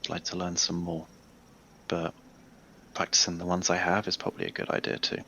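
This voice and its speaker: A man's voice: deep voice, completely flat delivery, a little fast, vocal fry, pushed and bright, a little hiss or hum. A man casually playing his character in a tabletop role-playing game, wry and rambling. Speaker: player.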